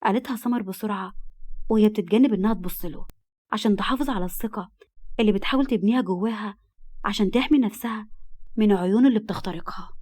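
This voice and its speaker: A woman's voice: medium pitch, quick pace, darkish tone. A woman with an Egyptian accent narrating a dramatized story and acting out its dialogue. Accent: Egyptian Arabic. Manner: acts out dialogue, heated in angry scenes.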